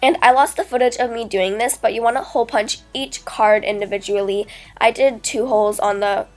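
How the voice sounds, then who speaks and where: A woman's voice: on the high side, steady tone, a little fast, soft background music. Casting: teen girl vlogger, congested from a cold, chatty and rambling, lots of 'like' and 'um'. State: stuffy nose from a cold. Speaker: DIY vlogger. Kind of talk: casual tutorial talk.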